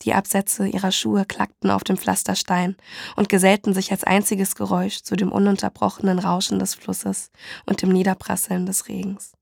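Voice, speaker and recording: A woman reading a story aloud in a steady, measured way. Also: mid-range voice, creaky, slightly rough, no echo, studio quality. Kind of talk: storybook narration.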